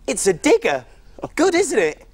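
A man's voice: very high voice, wildly swooping pitch, a little slow, heavily acted. A man playing a big, friendly male cook on a children's TV show, jolly and teasing, full of exclamations. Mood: cheery. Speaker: children's TV presenter. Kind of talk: children's TV acting.

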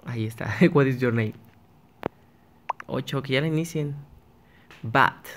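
With a little hiss or hum on the recording, a gaming YouTuber talks at a measured pace in a mid-range voice. He chats casually through his play, speaking to himself and his viewers, with many restarts.

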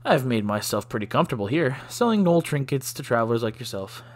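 A man's voice: mid-range voice, big pitch swings, quick pace. Man doing a Russian-accented bug shopkeeper. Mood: welcoming. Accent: put-on Russian. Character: shifty male bug shopkeeper, sly salesman.

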